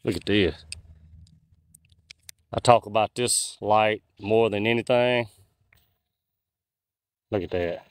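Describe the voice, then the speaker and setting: A folksy, chatty outdoors livestreamer in his 40s talks with viewers and reads their comments as he walks the woods at night, speaking into a phone on a handheld gimbal. His smooth voice is fairly low, slow, and marked by long pauses.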